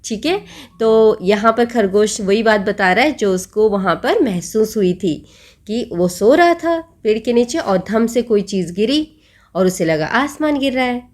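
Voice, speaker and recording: A woman's voice: fairly high pitch, lively intonation, a little slow. A woman teacher patiently explaining a children's textbook story, asking the class questions and answering them herself.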